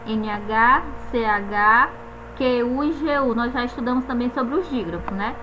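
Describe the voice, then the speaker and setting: A woman teaching a grammar lesson, saying each example word slowly and spelling out letters, often ending with a questioning tag. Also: a little high, pushed and bright, slight background noise, poor audio.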